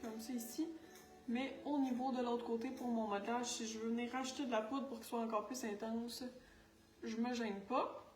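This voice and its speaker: A woman's voice: fairly high pitch, fairly even intonation, normal speed, distant mic. A woman with a Quebec French accent talking through a makeup tutorial in a chatty, scattered, self-mocking way as she works. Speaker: makeup artist. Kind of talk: makeup tutorial, casual talk to camera. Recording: echoey room with faint music.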